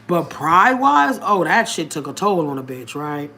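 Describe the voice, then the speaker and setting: A woman telling a personal story straight to her viewers, outspoken and straightforward, with a colloquial, emphatic delivery that jumps up in pitch and loudness. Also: big pitch swings, moderate pace, slight background noise.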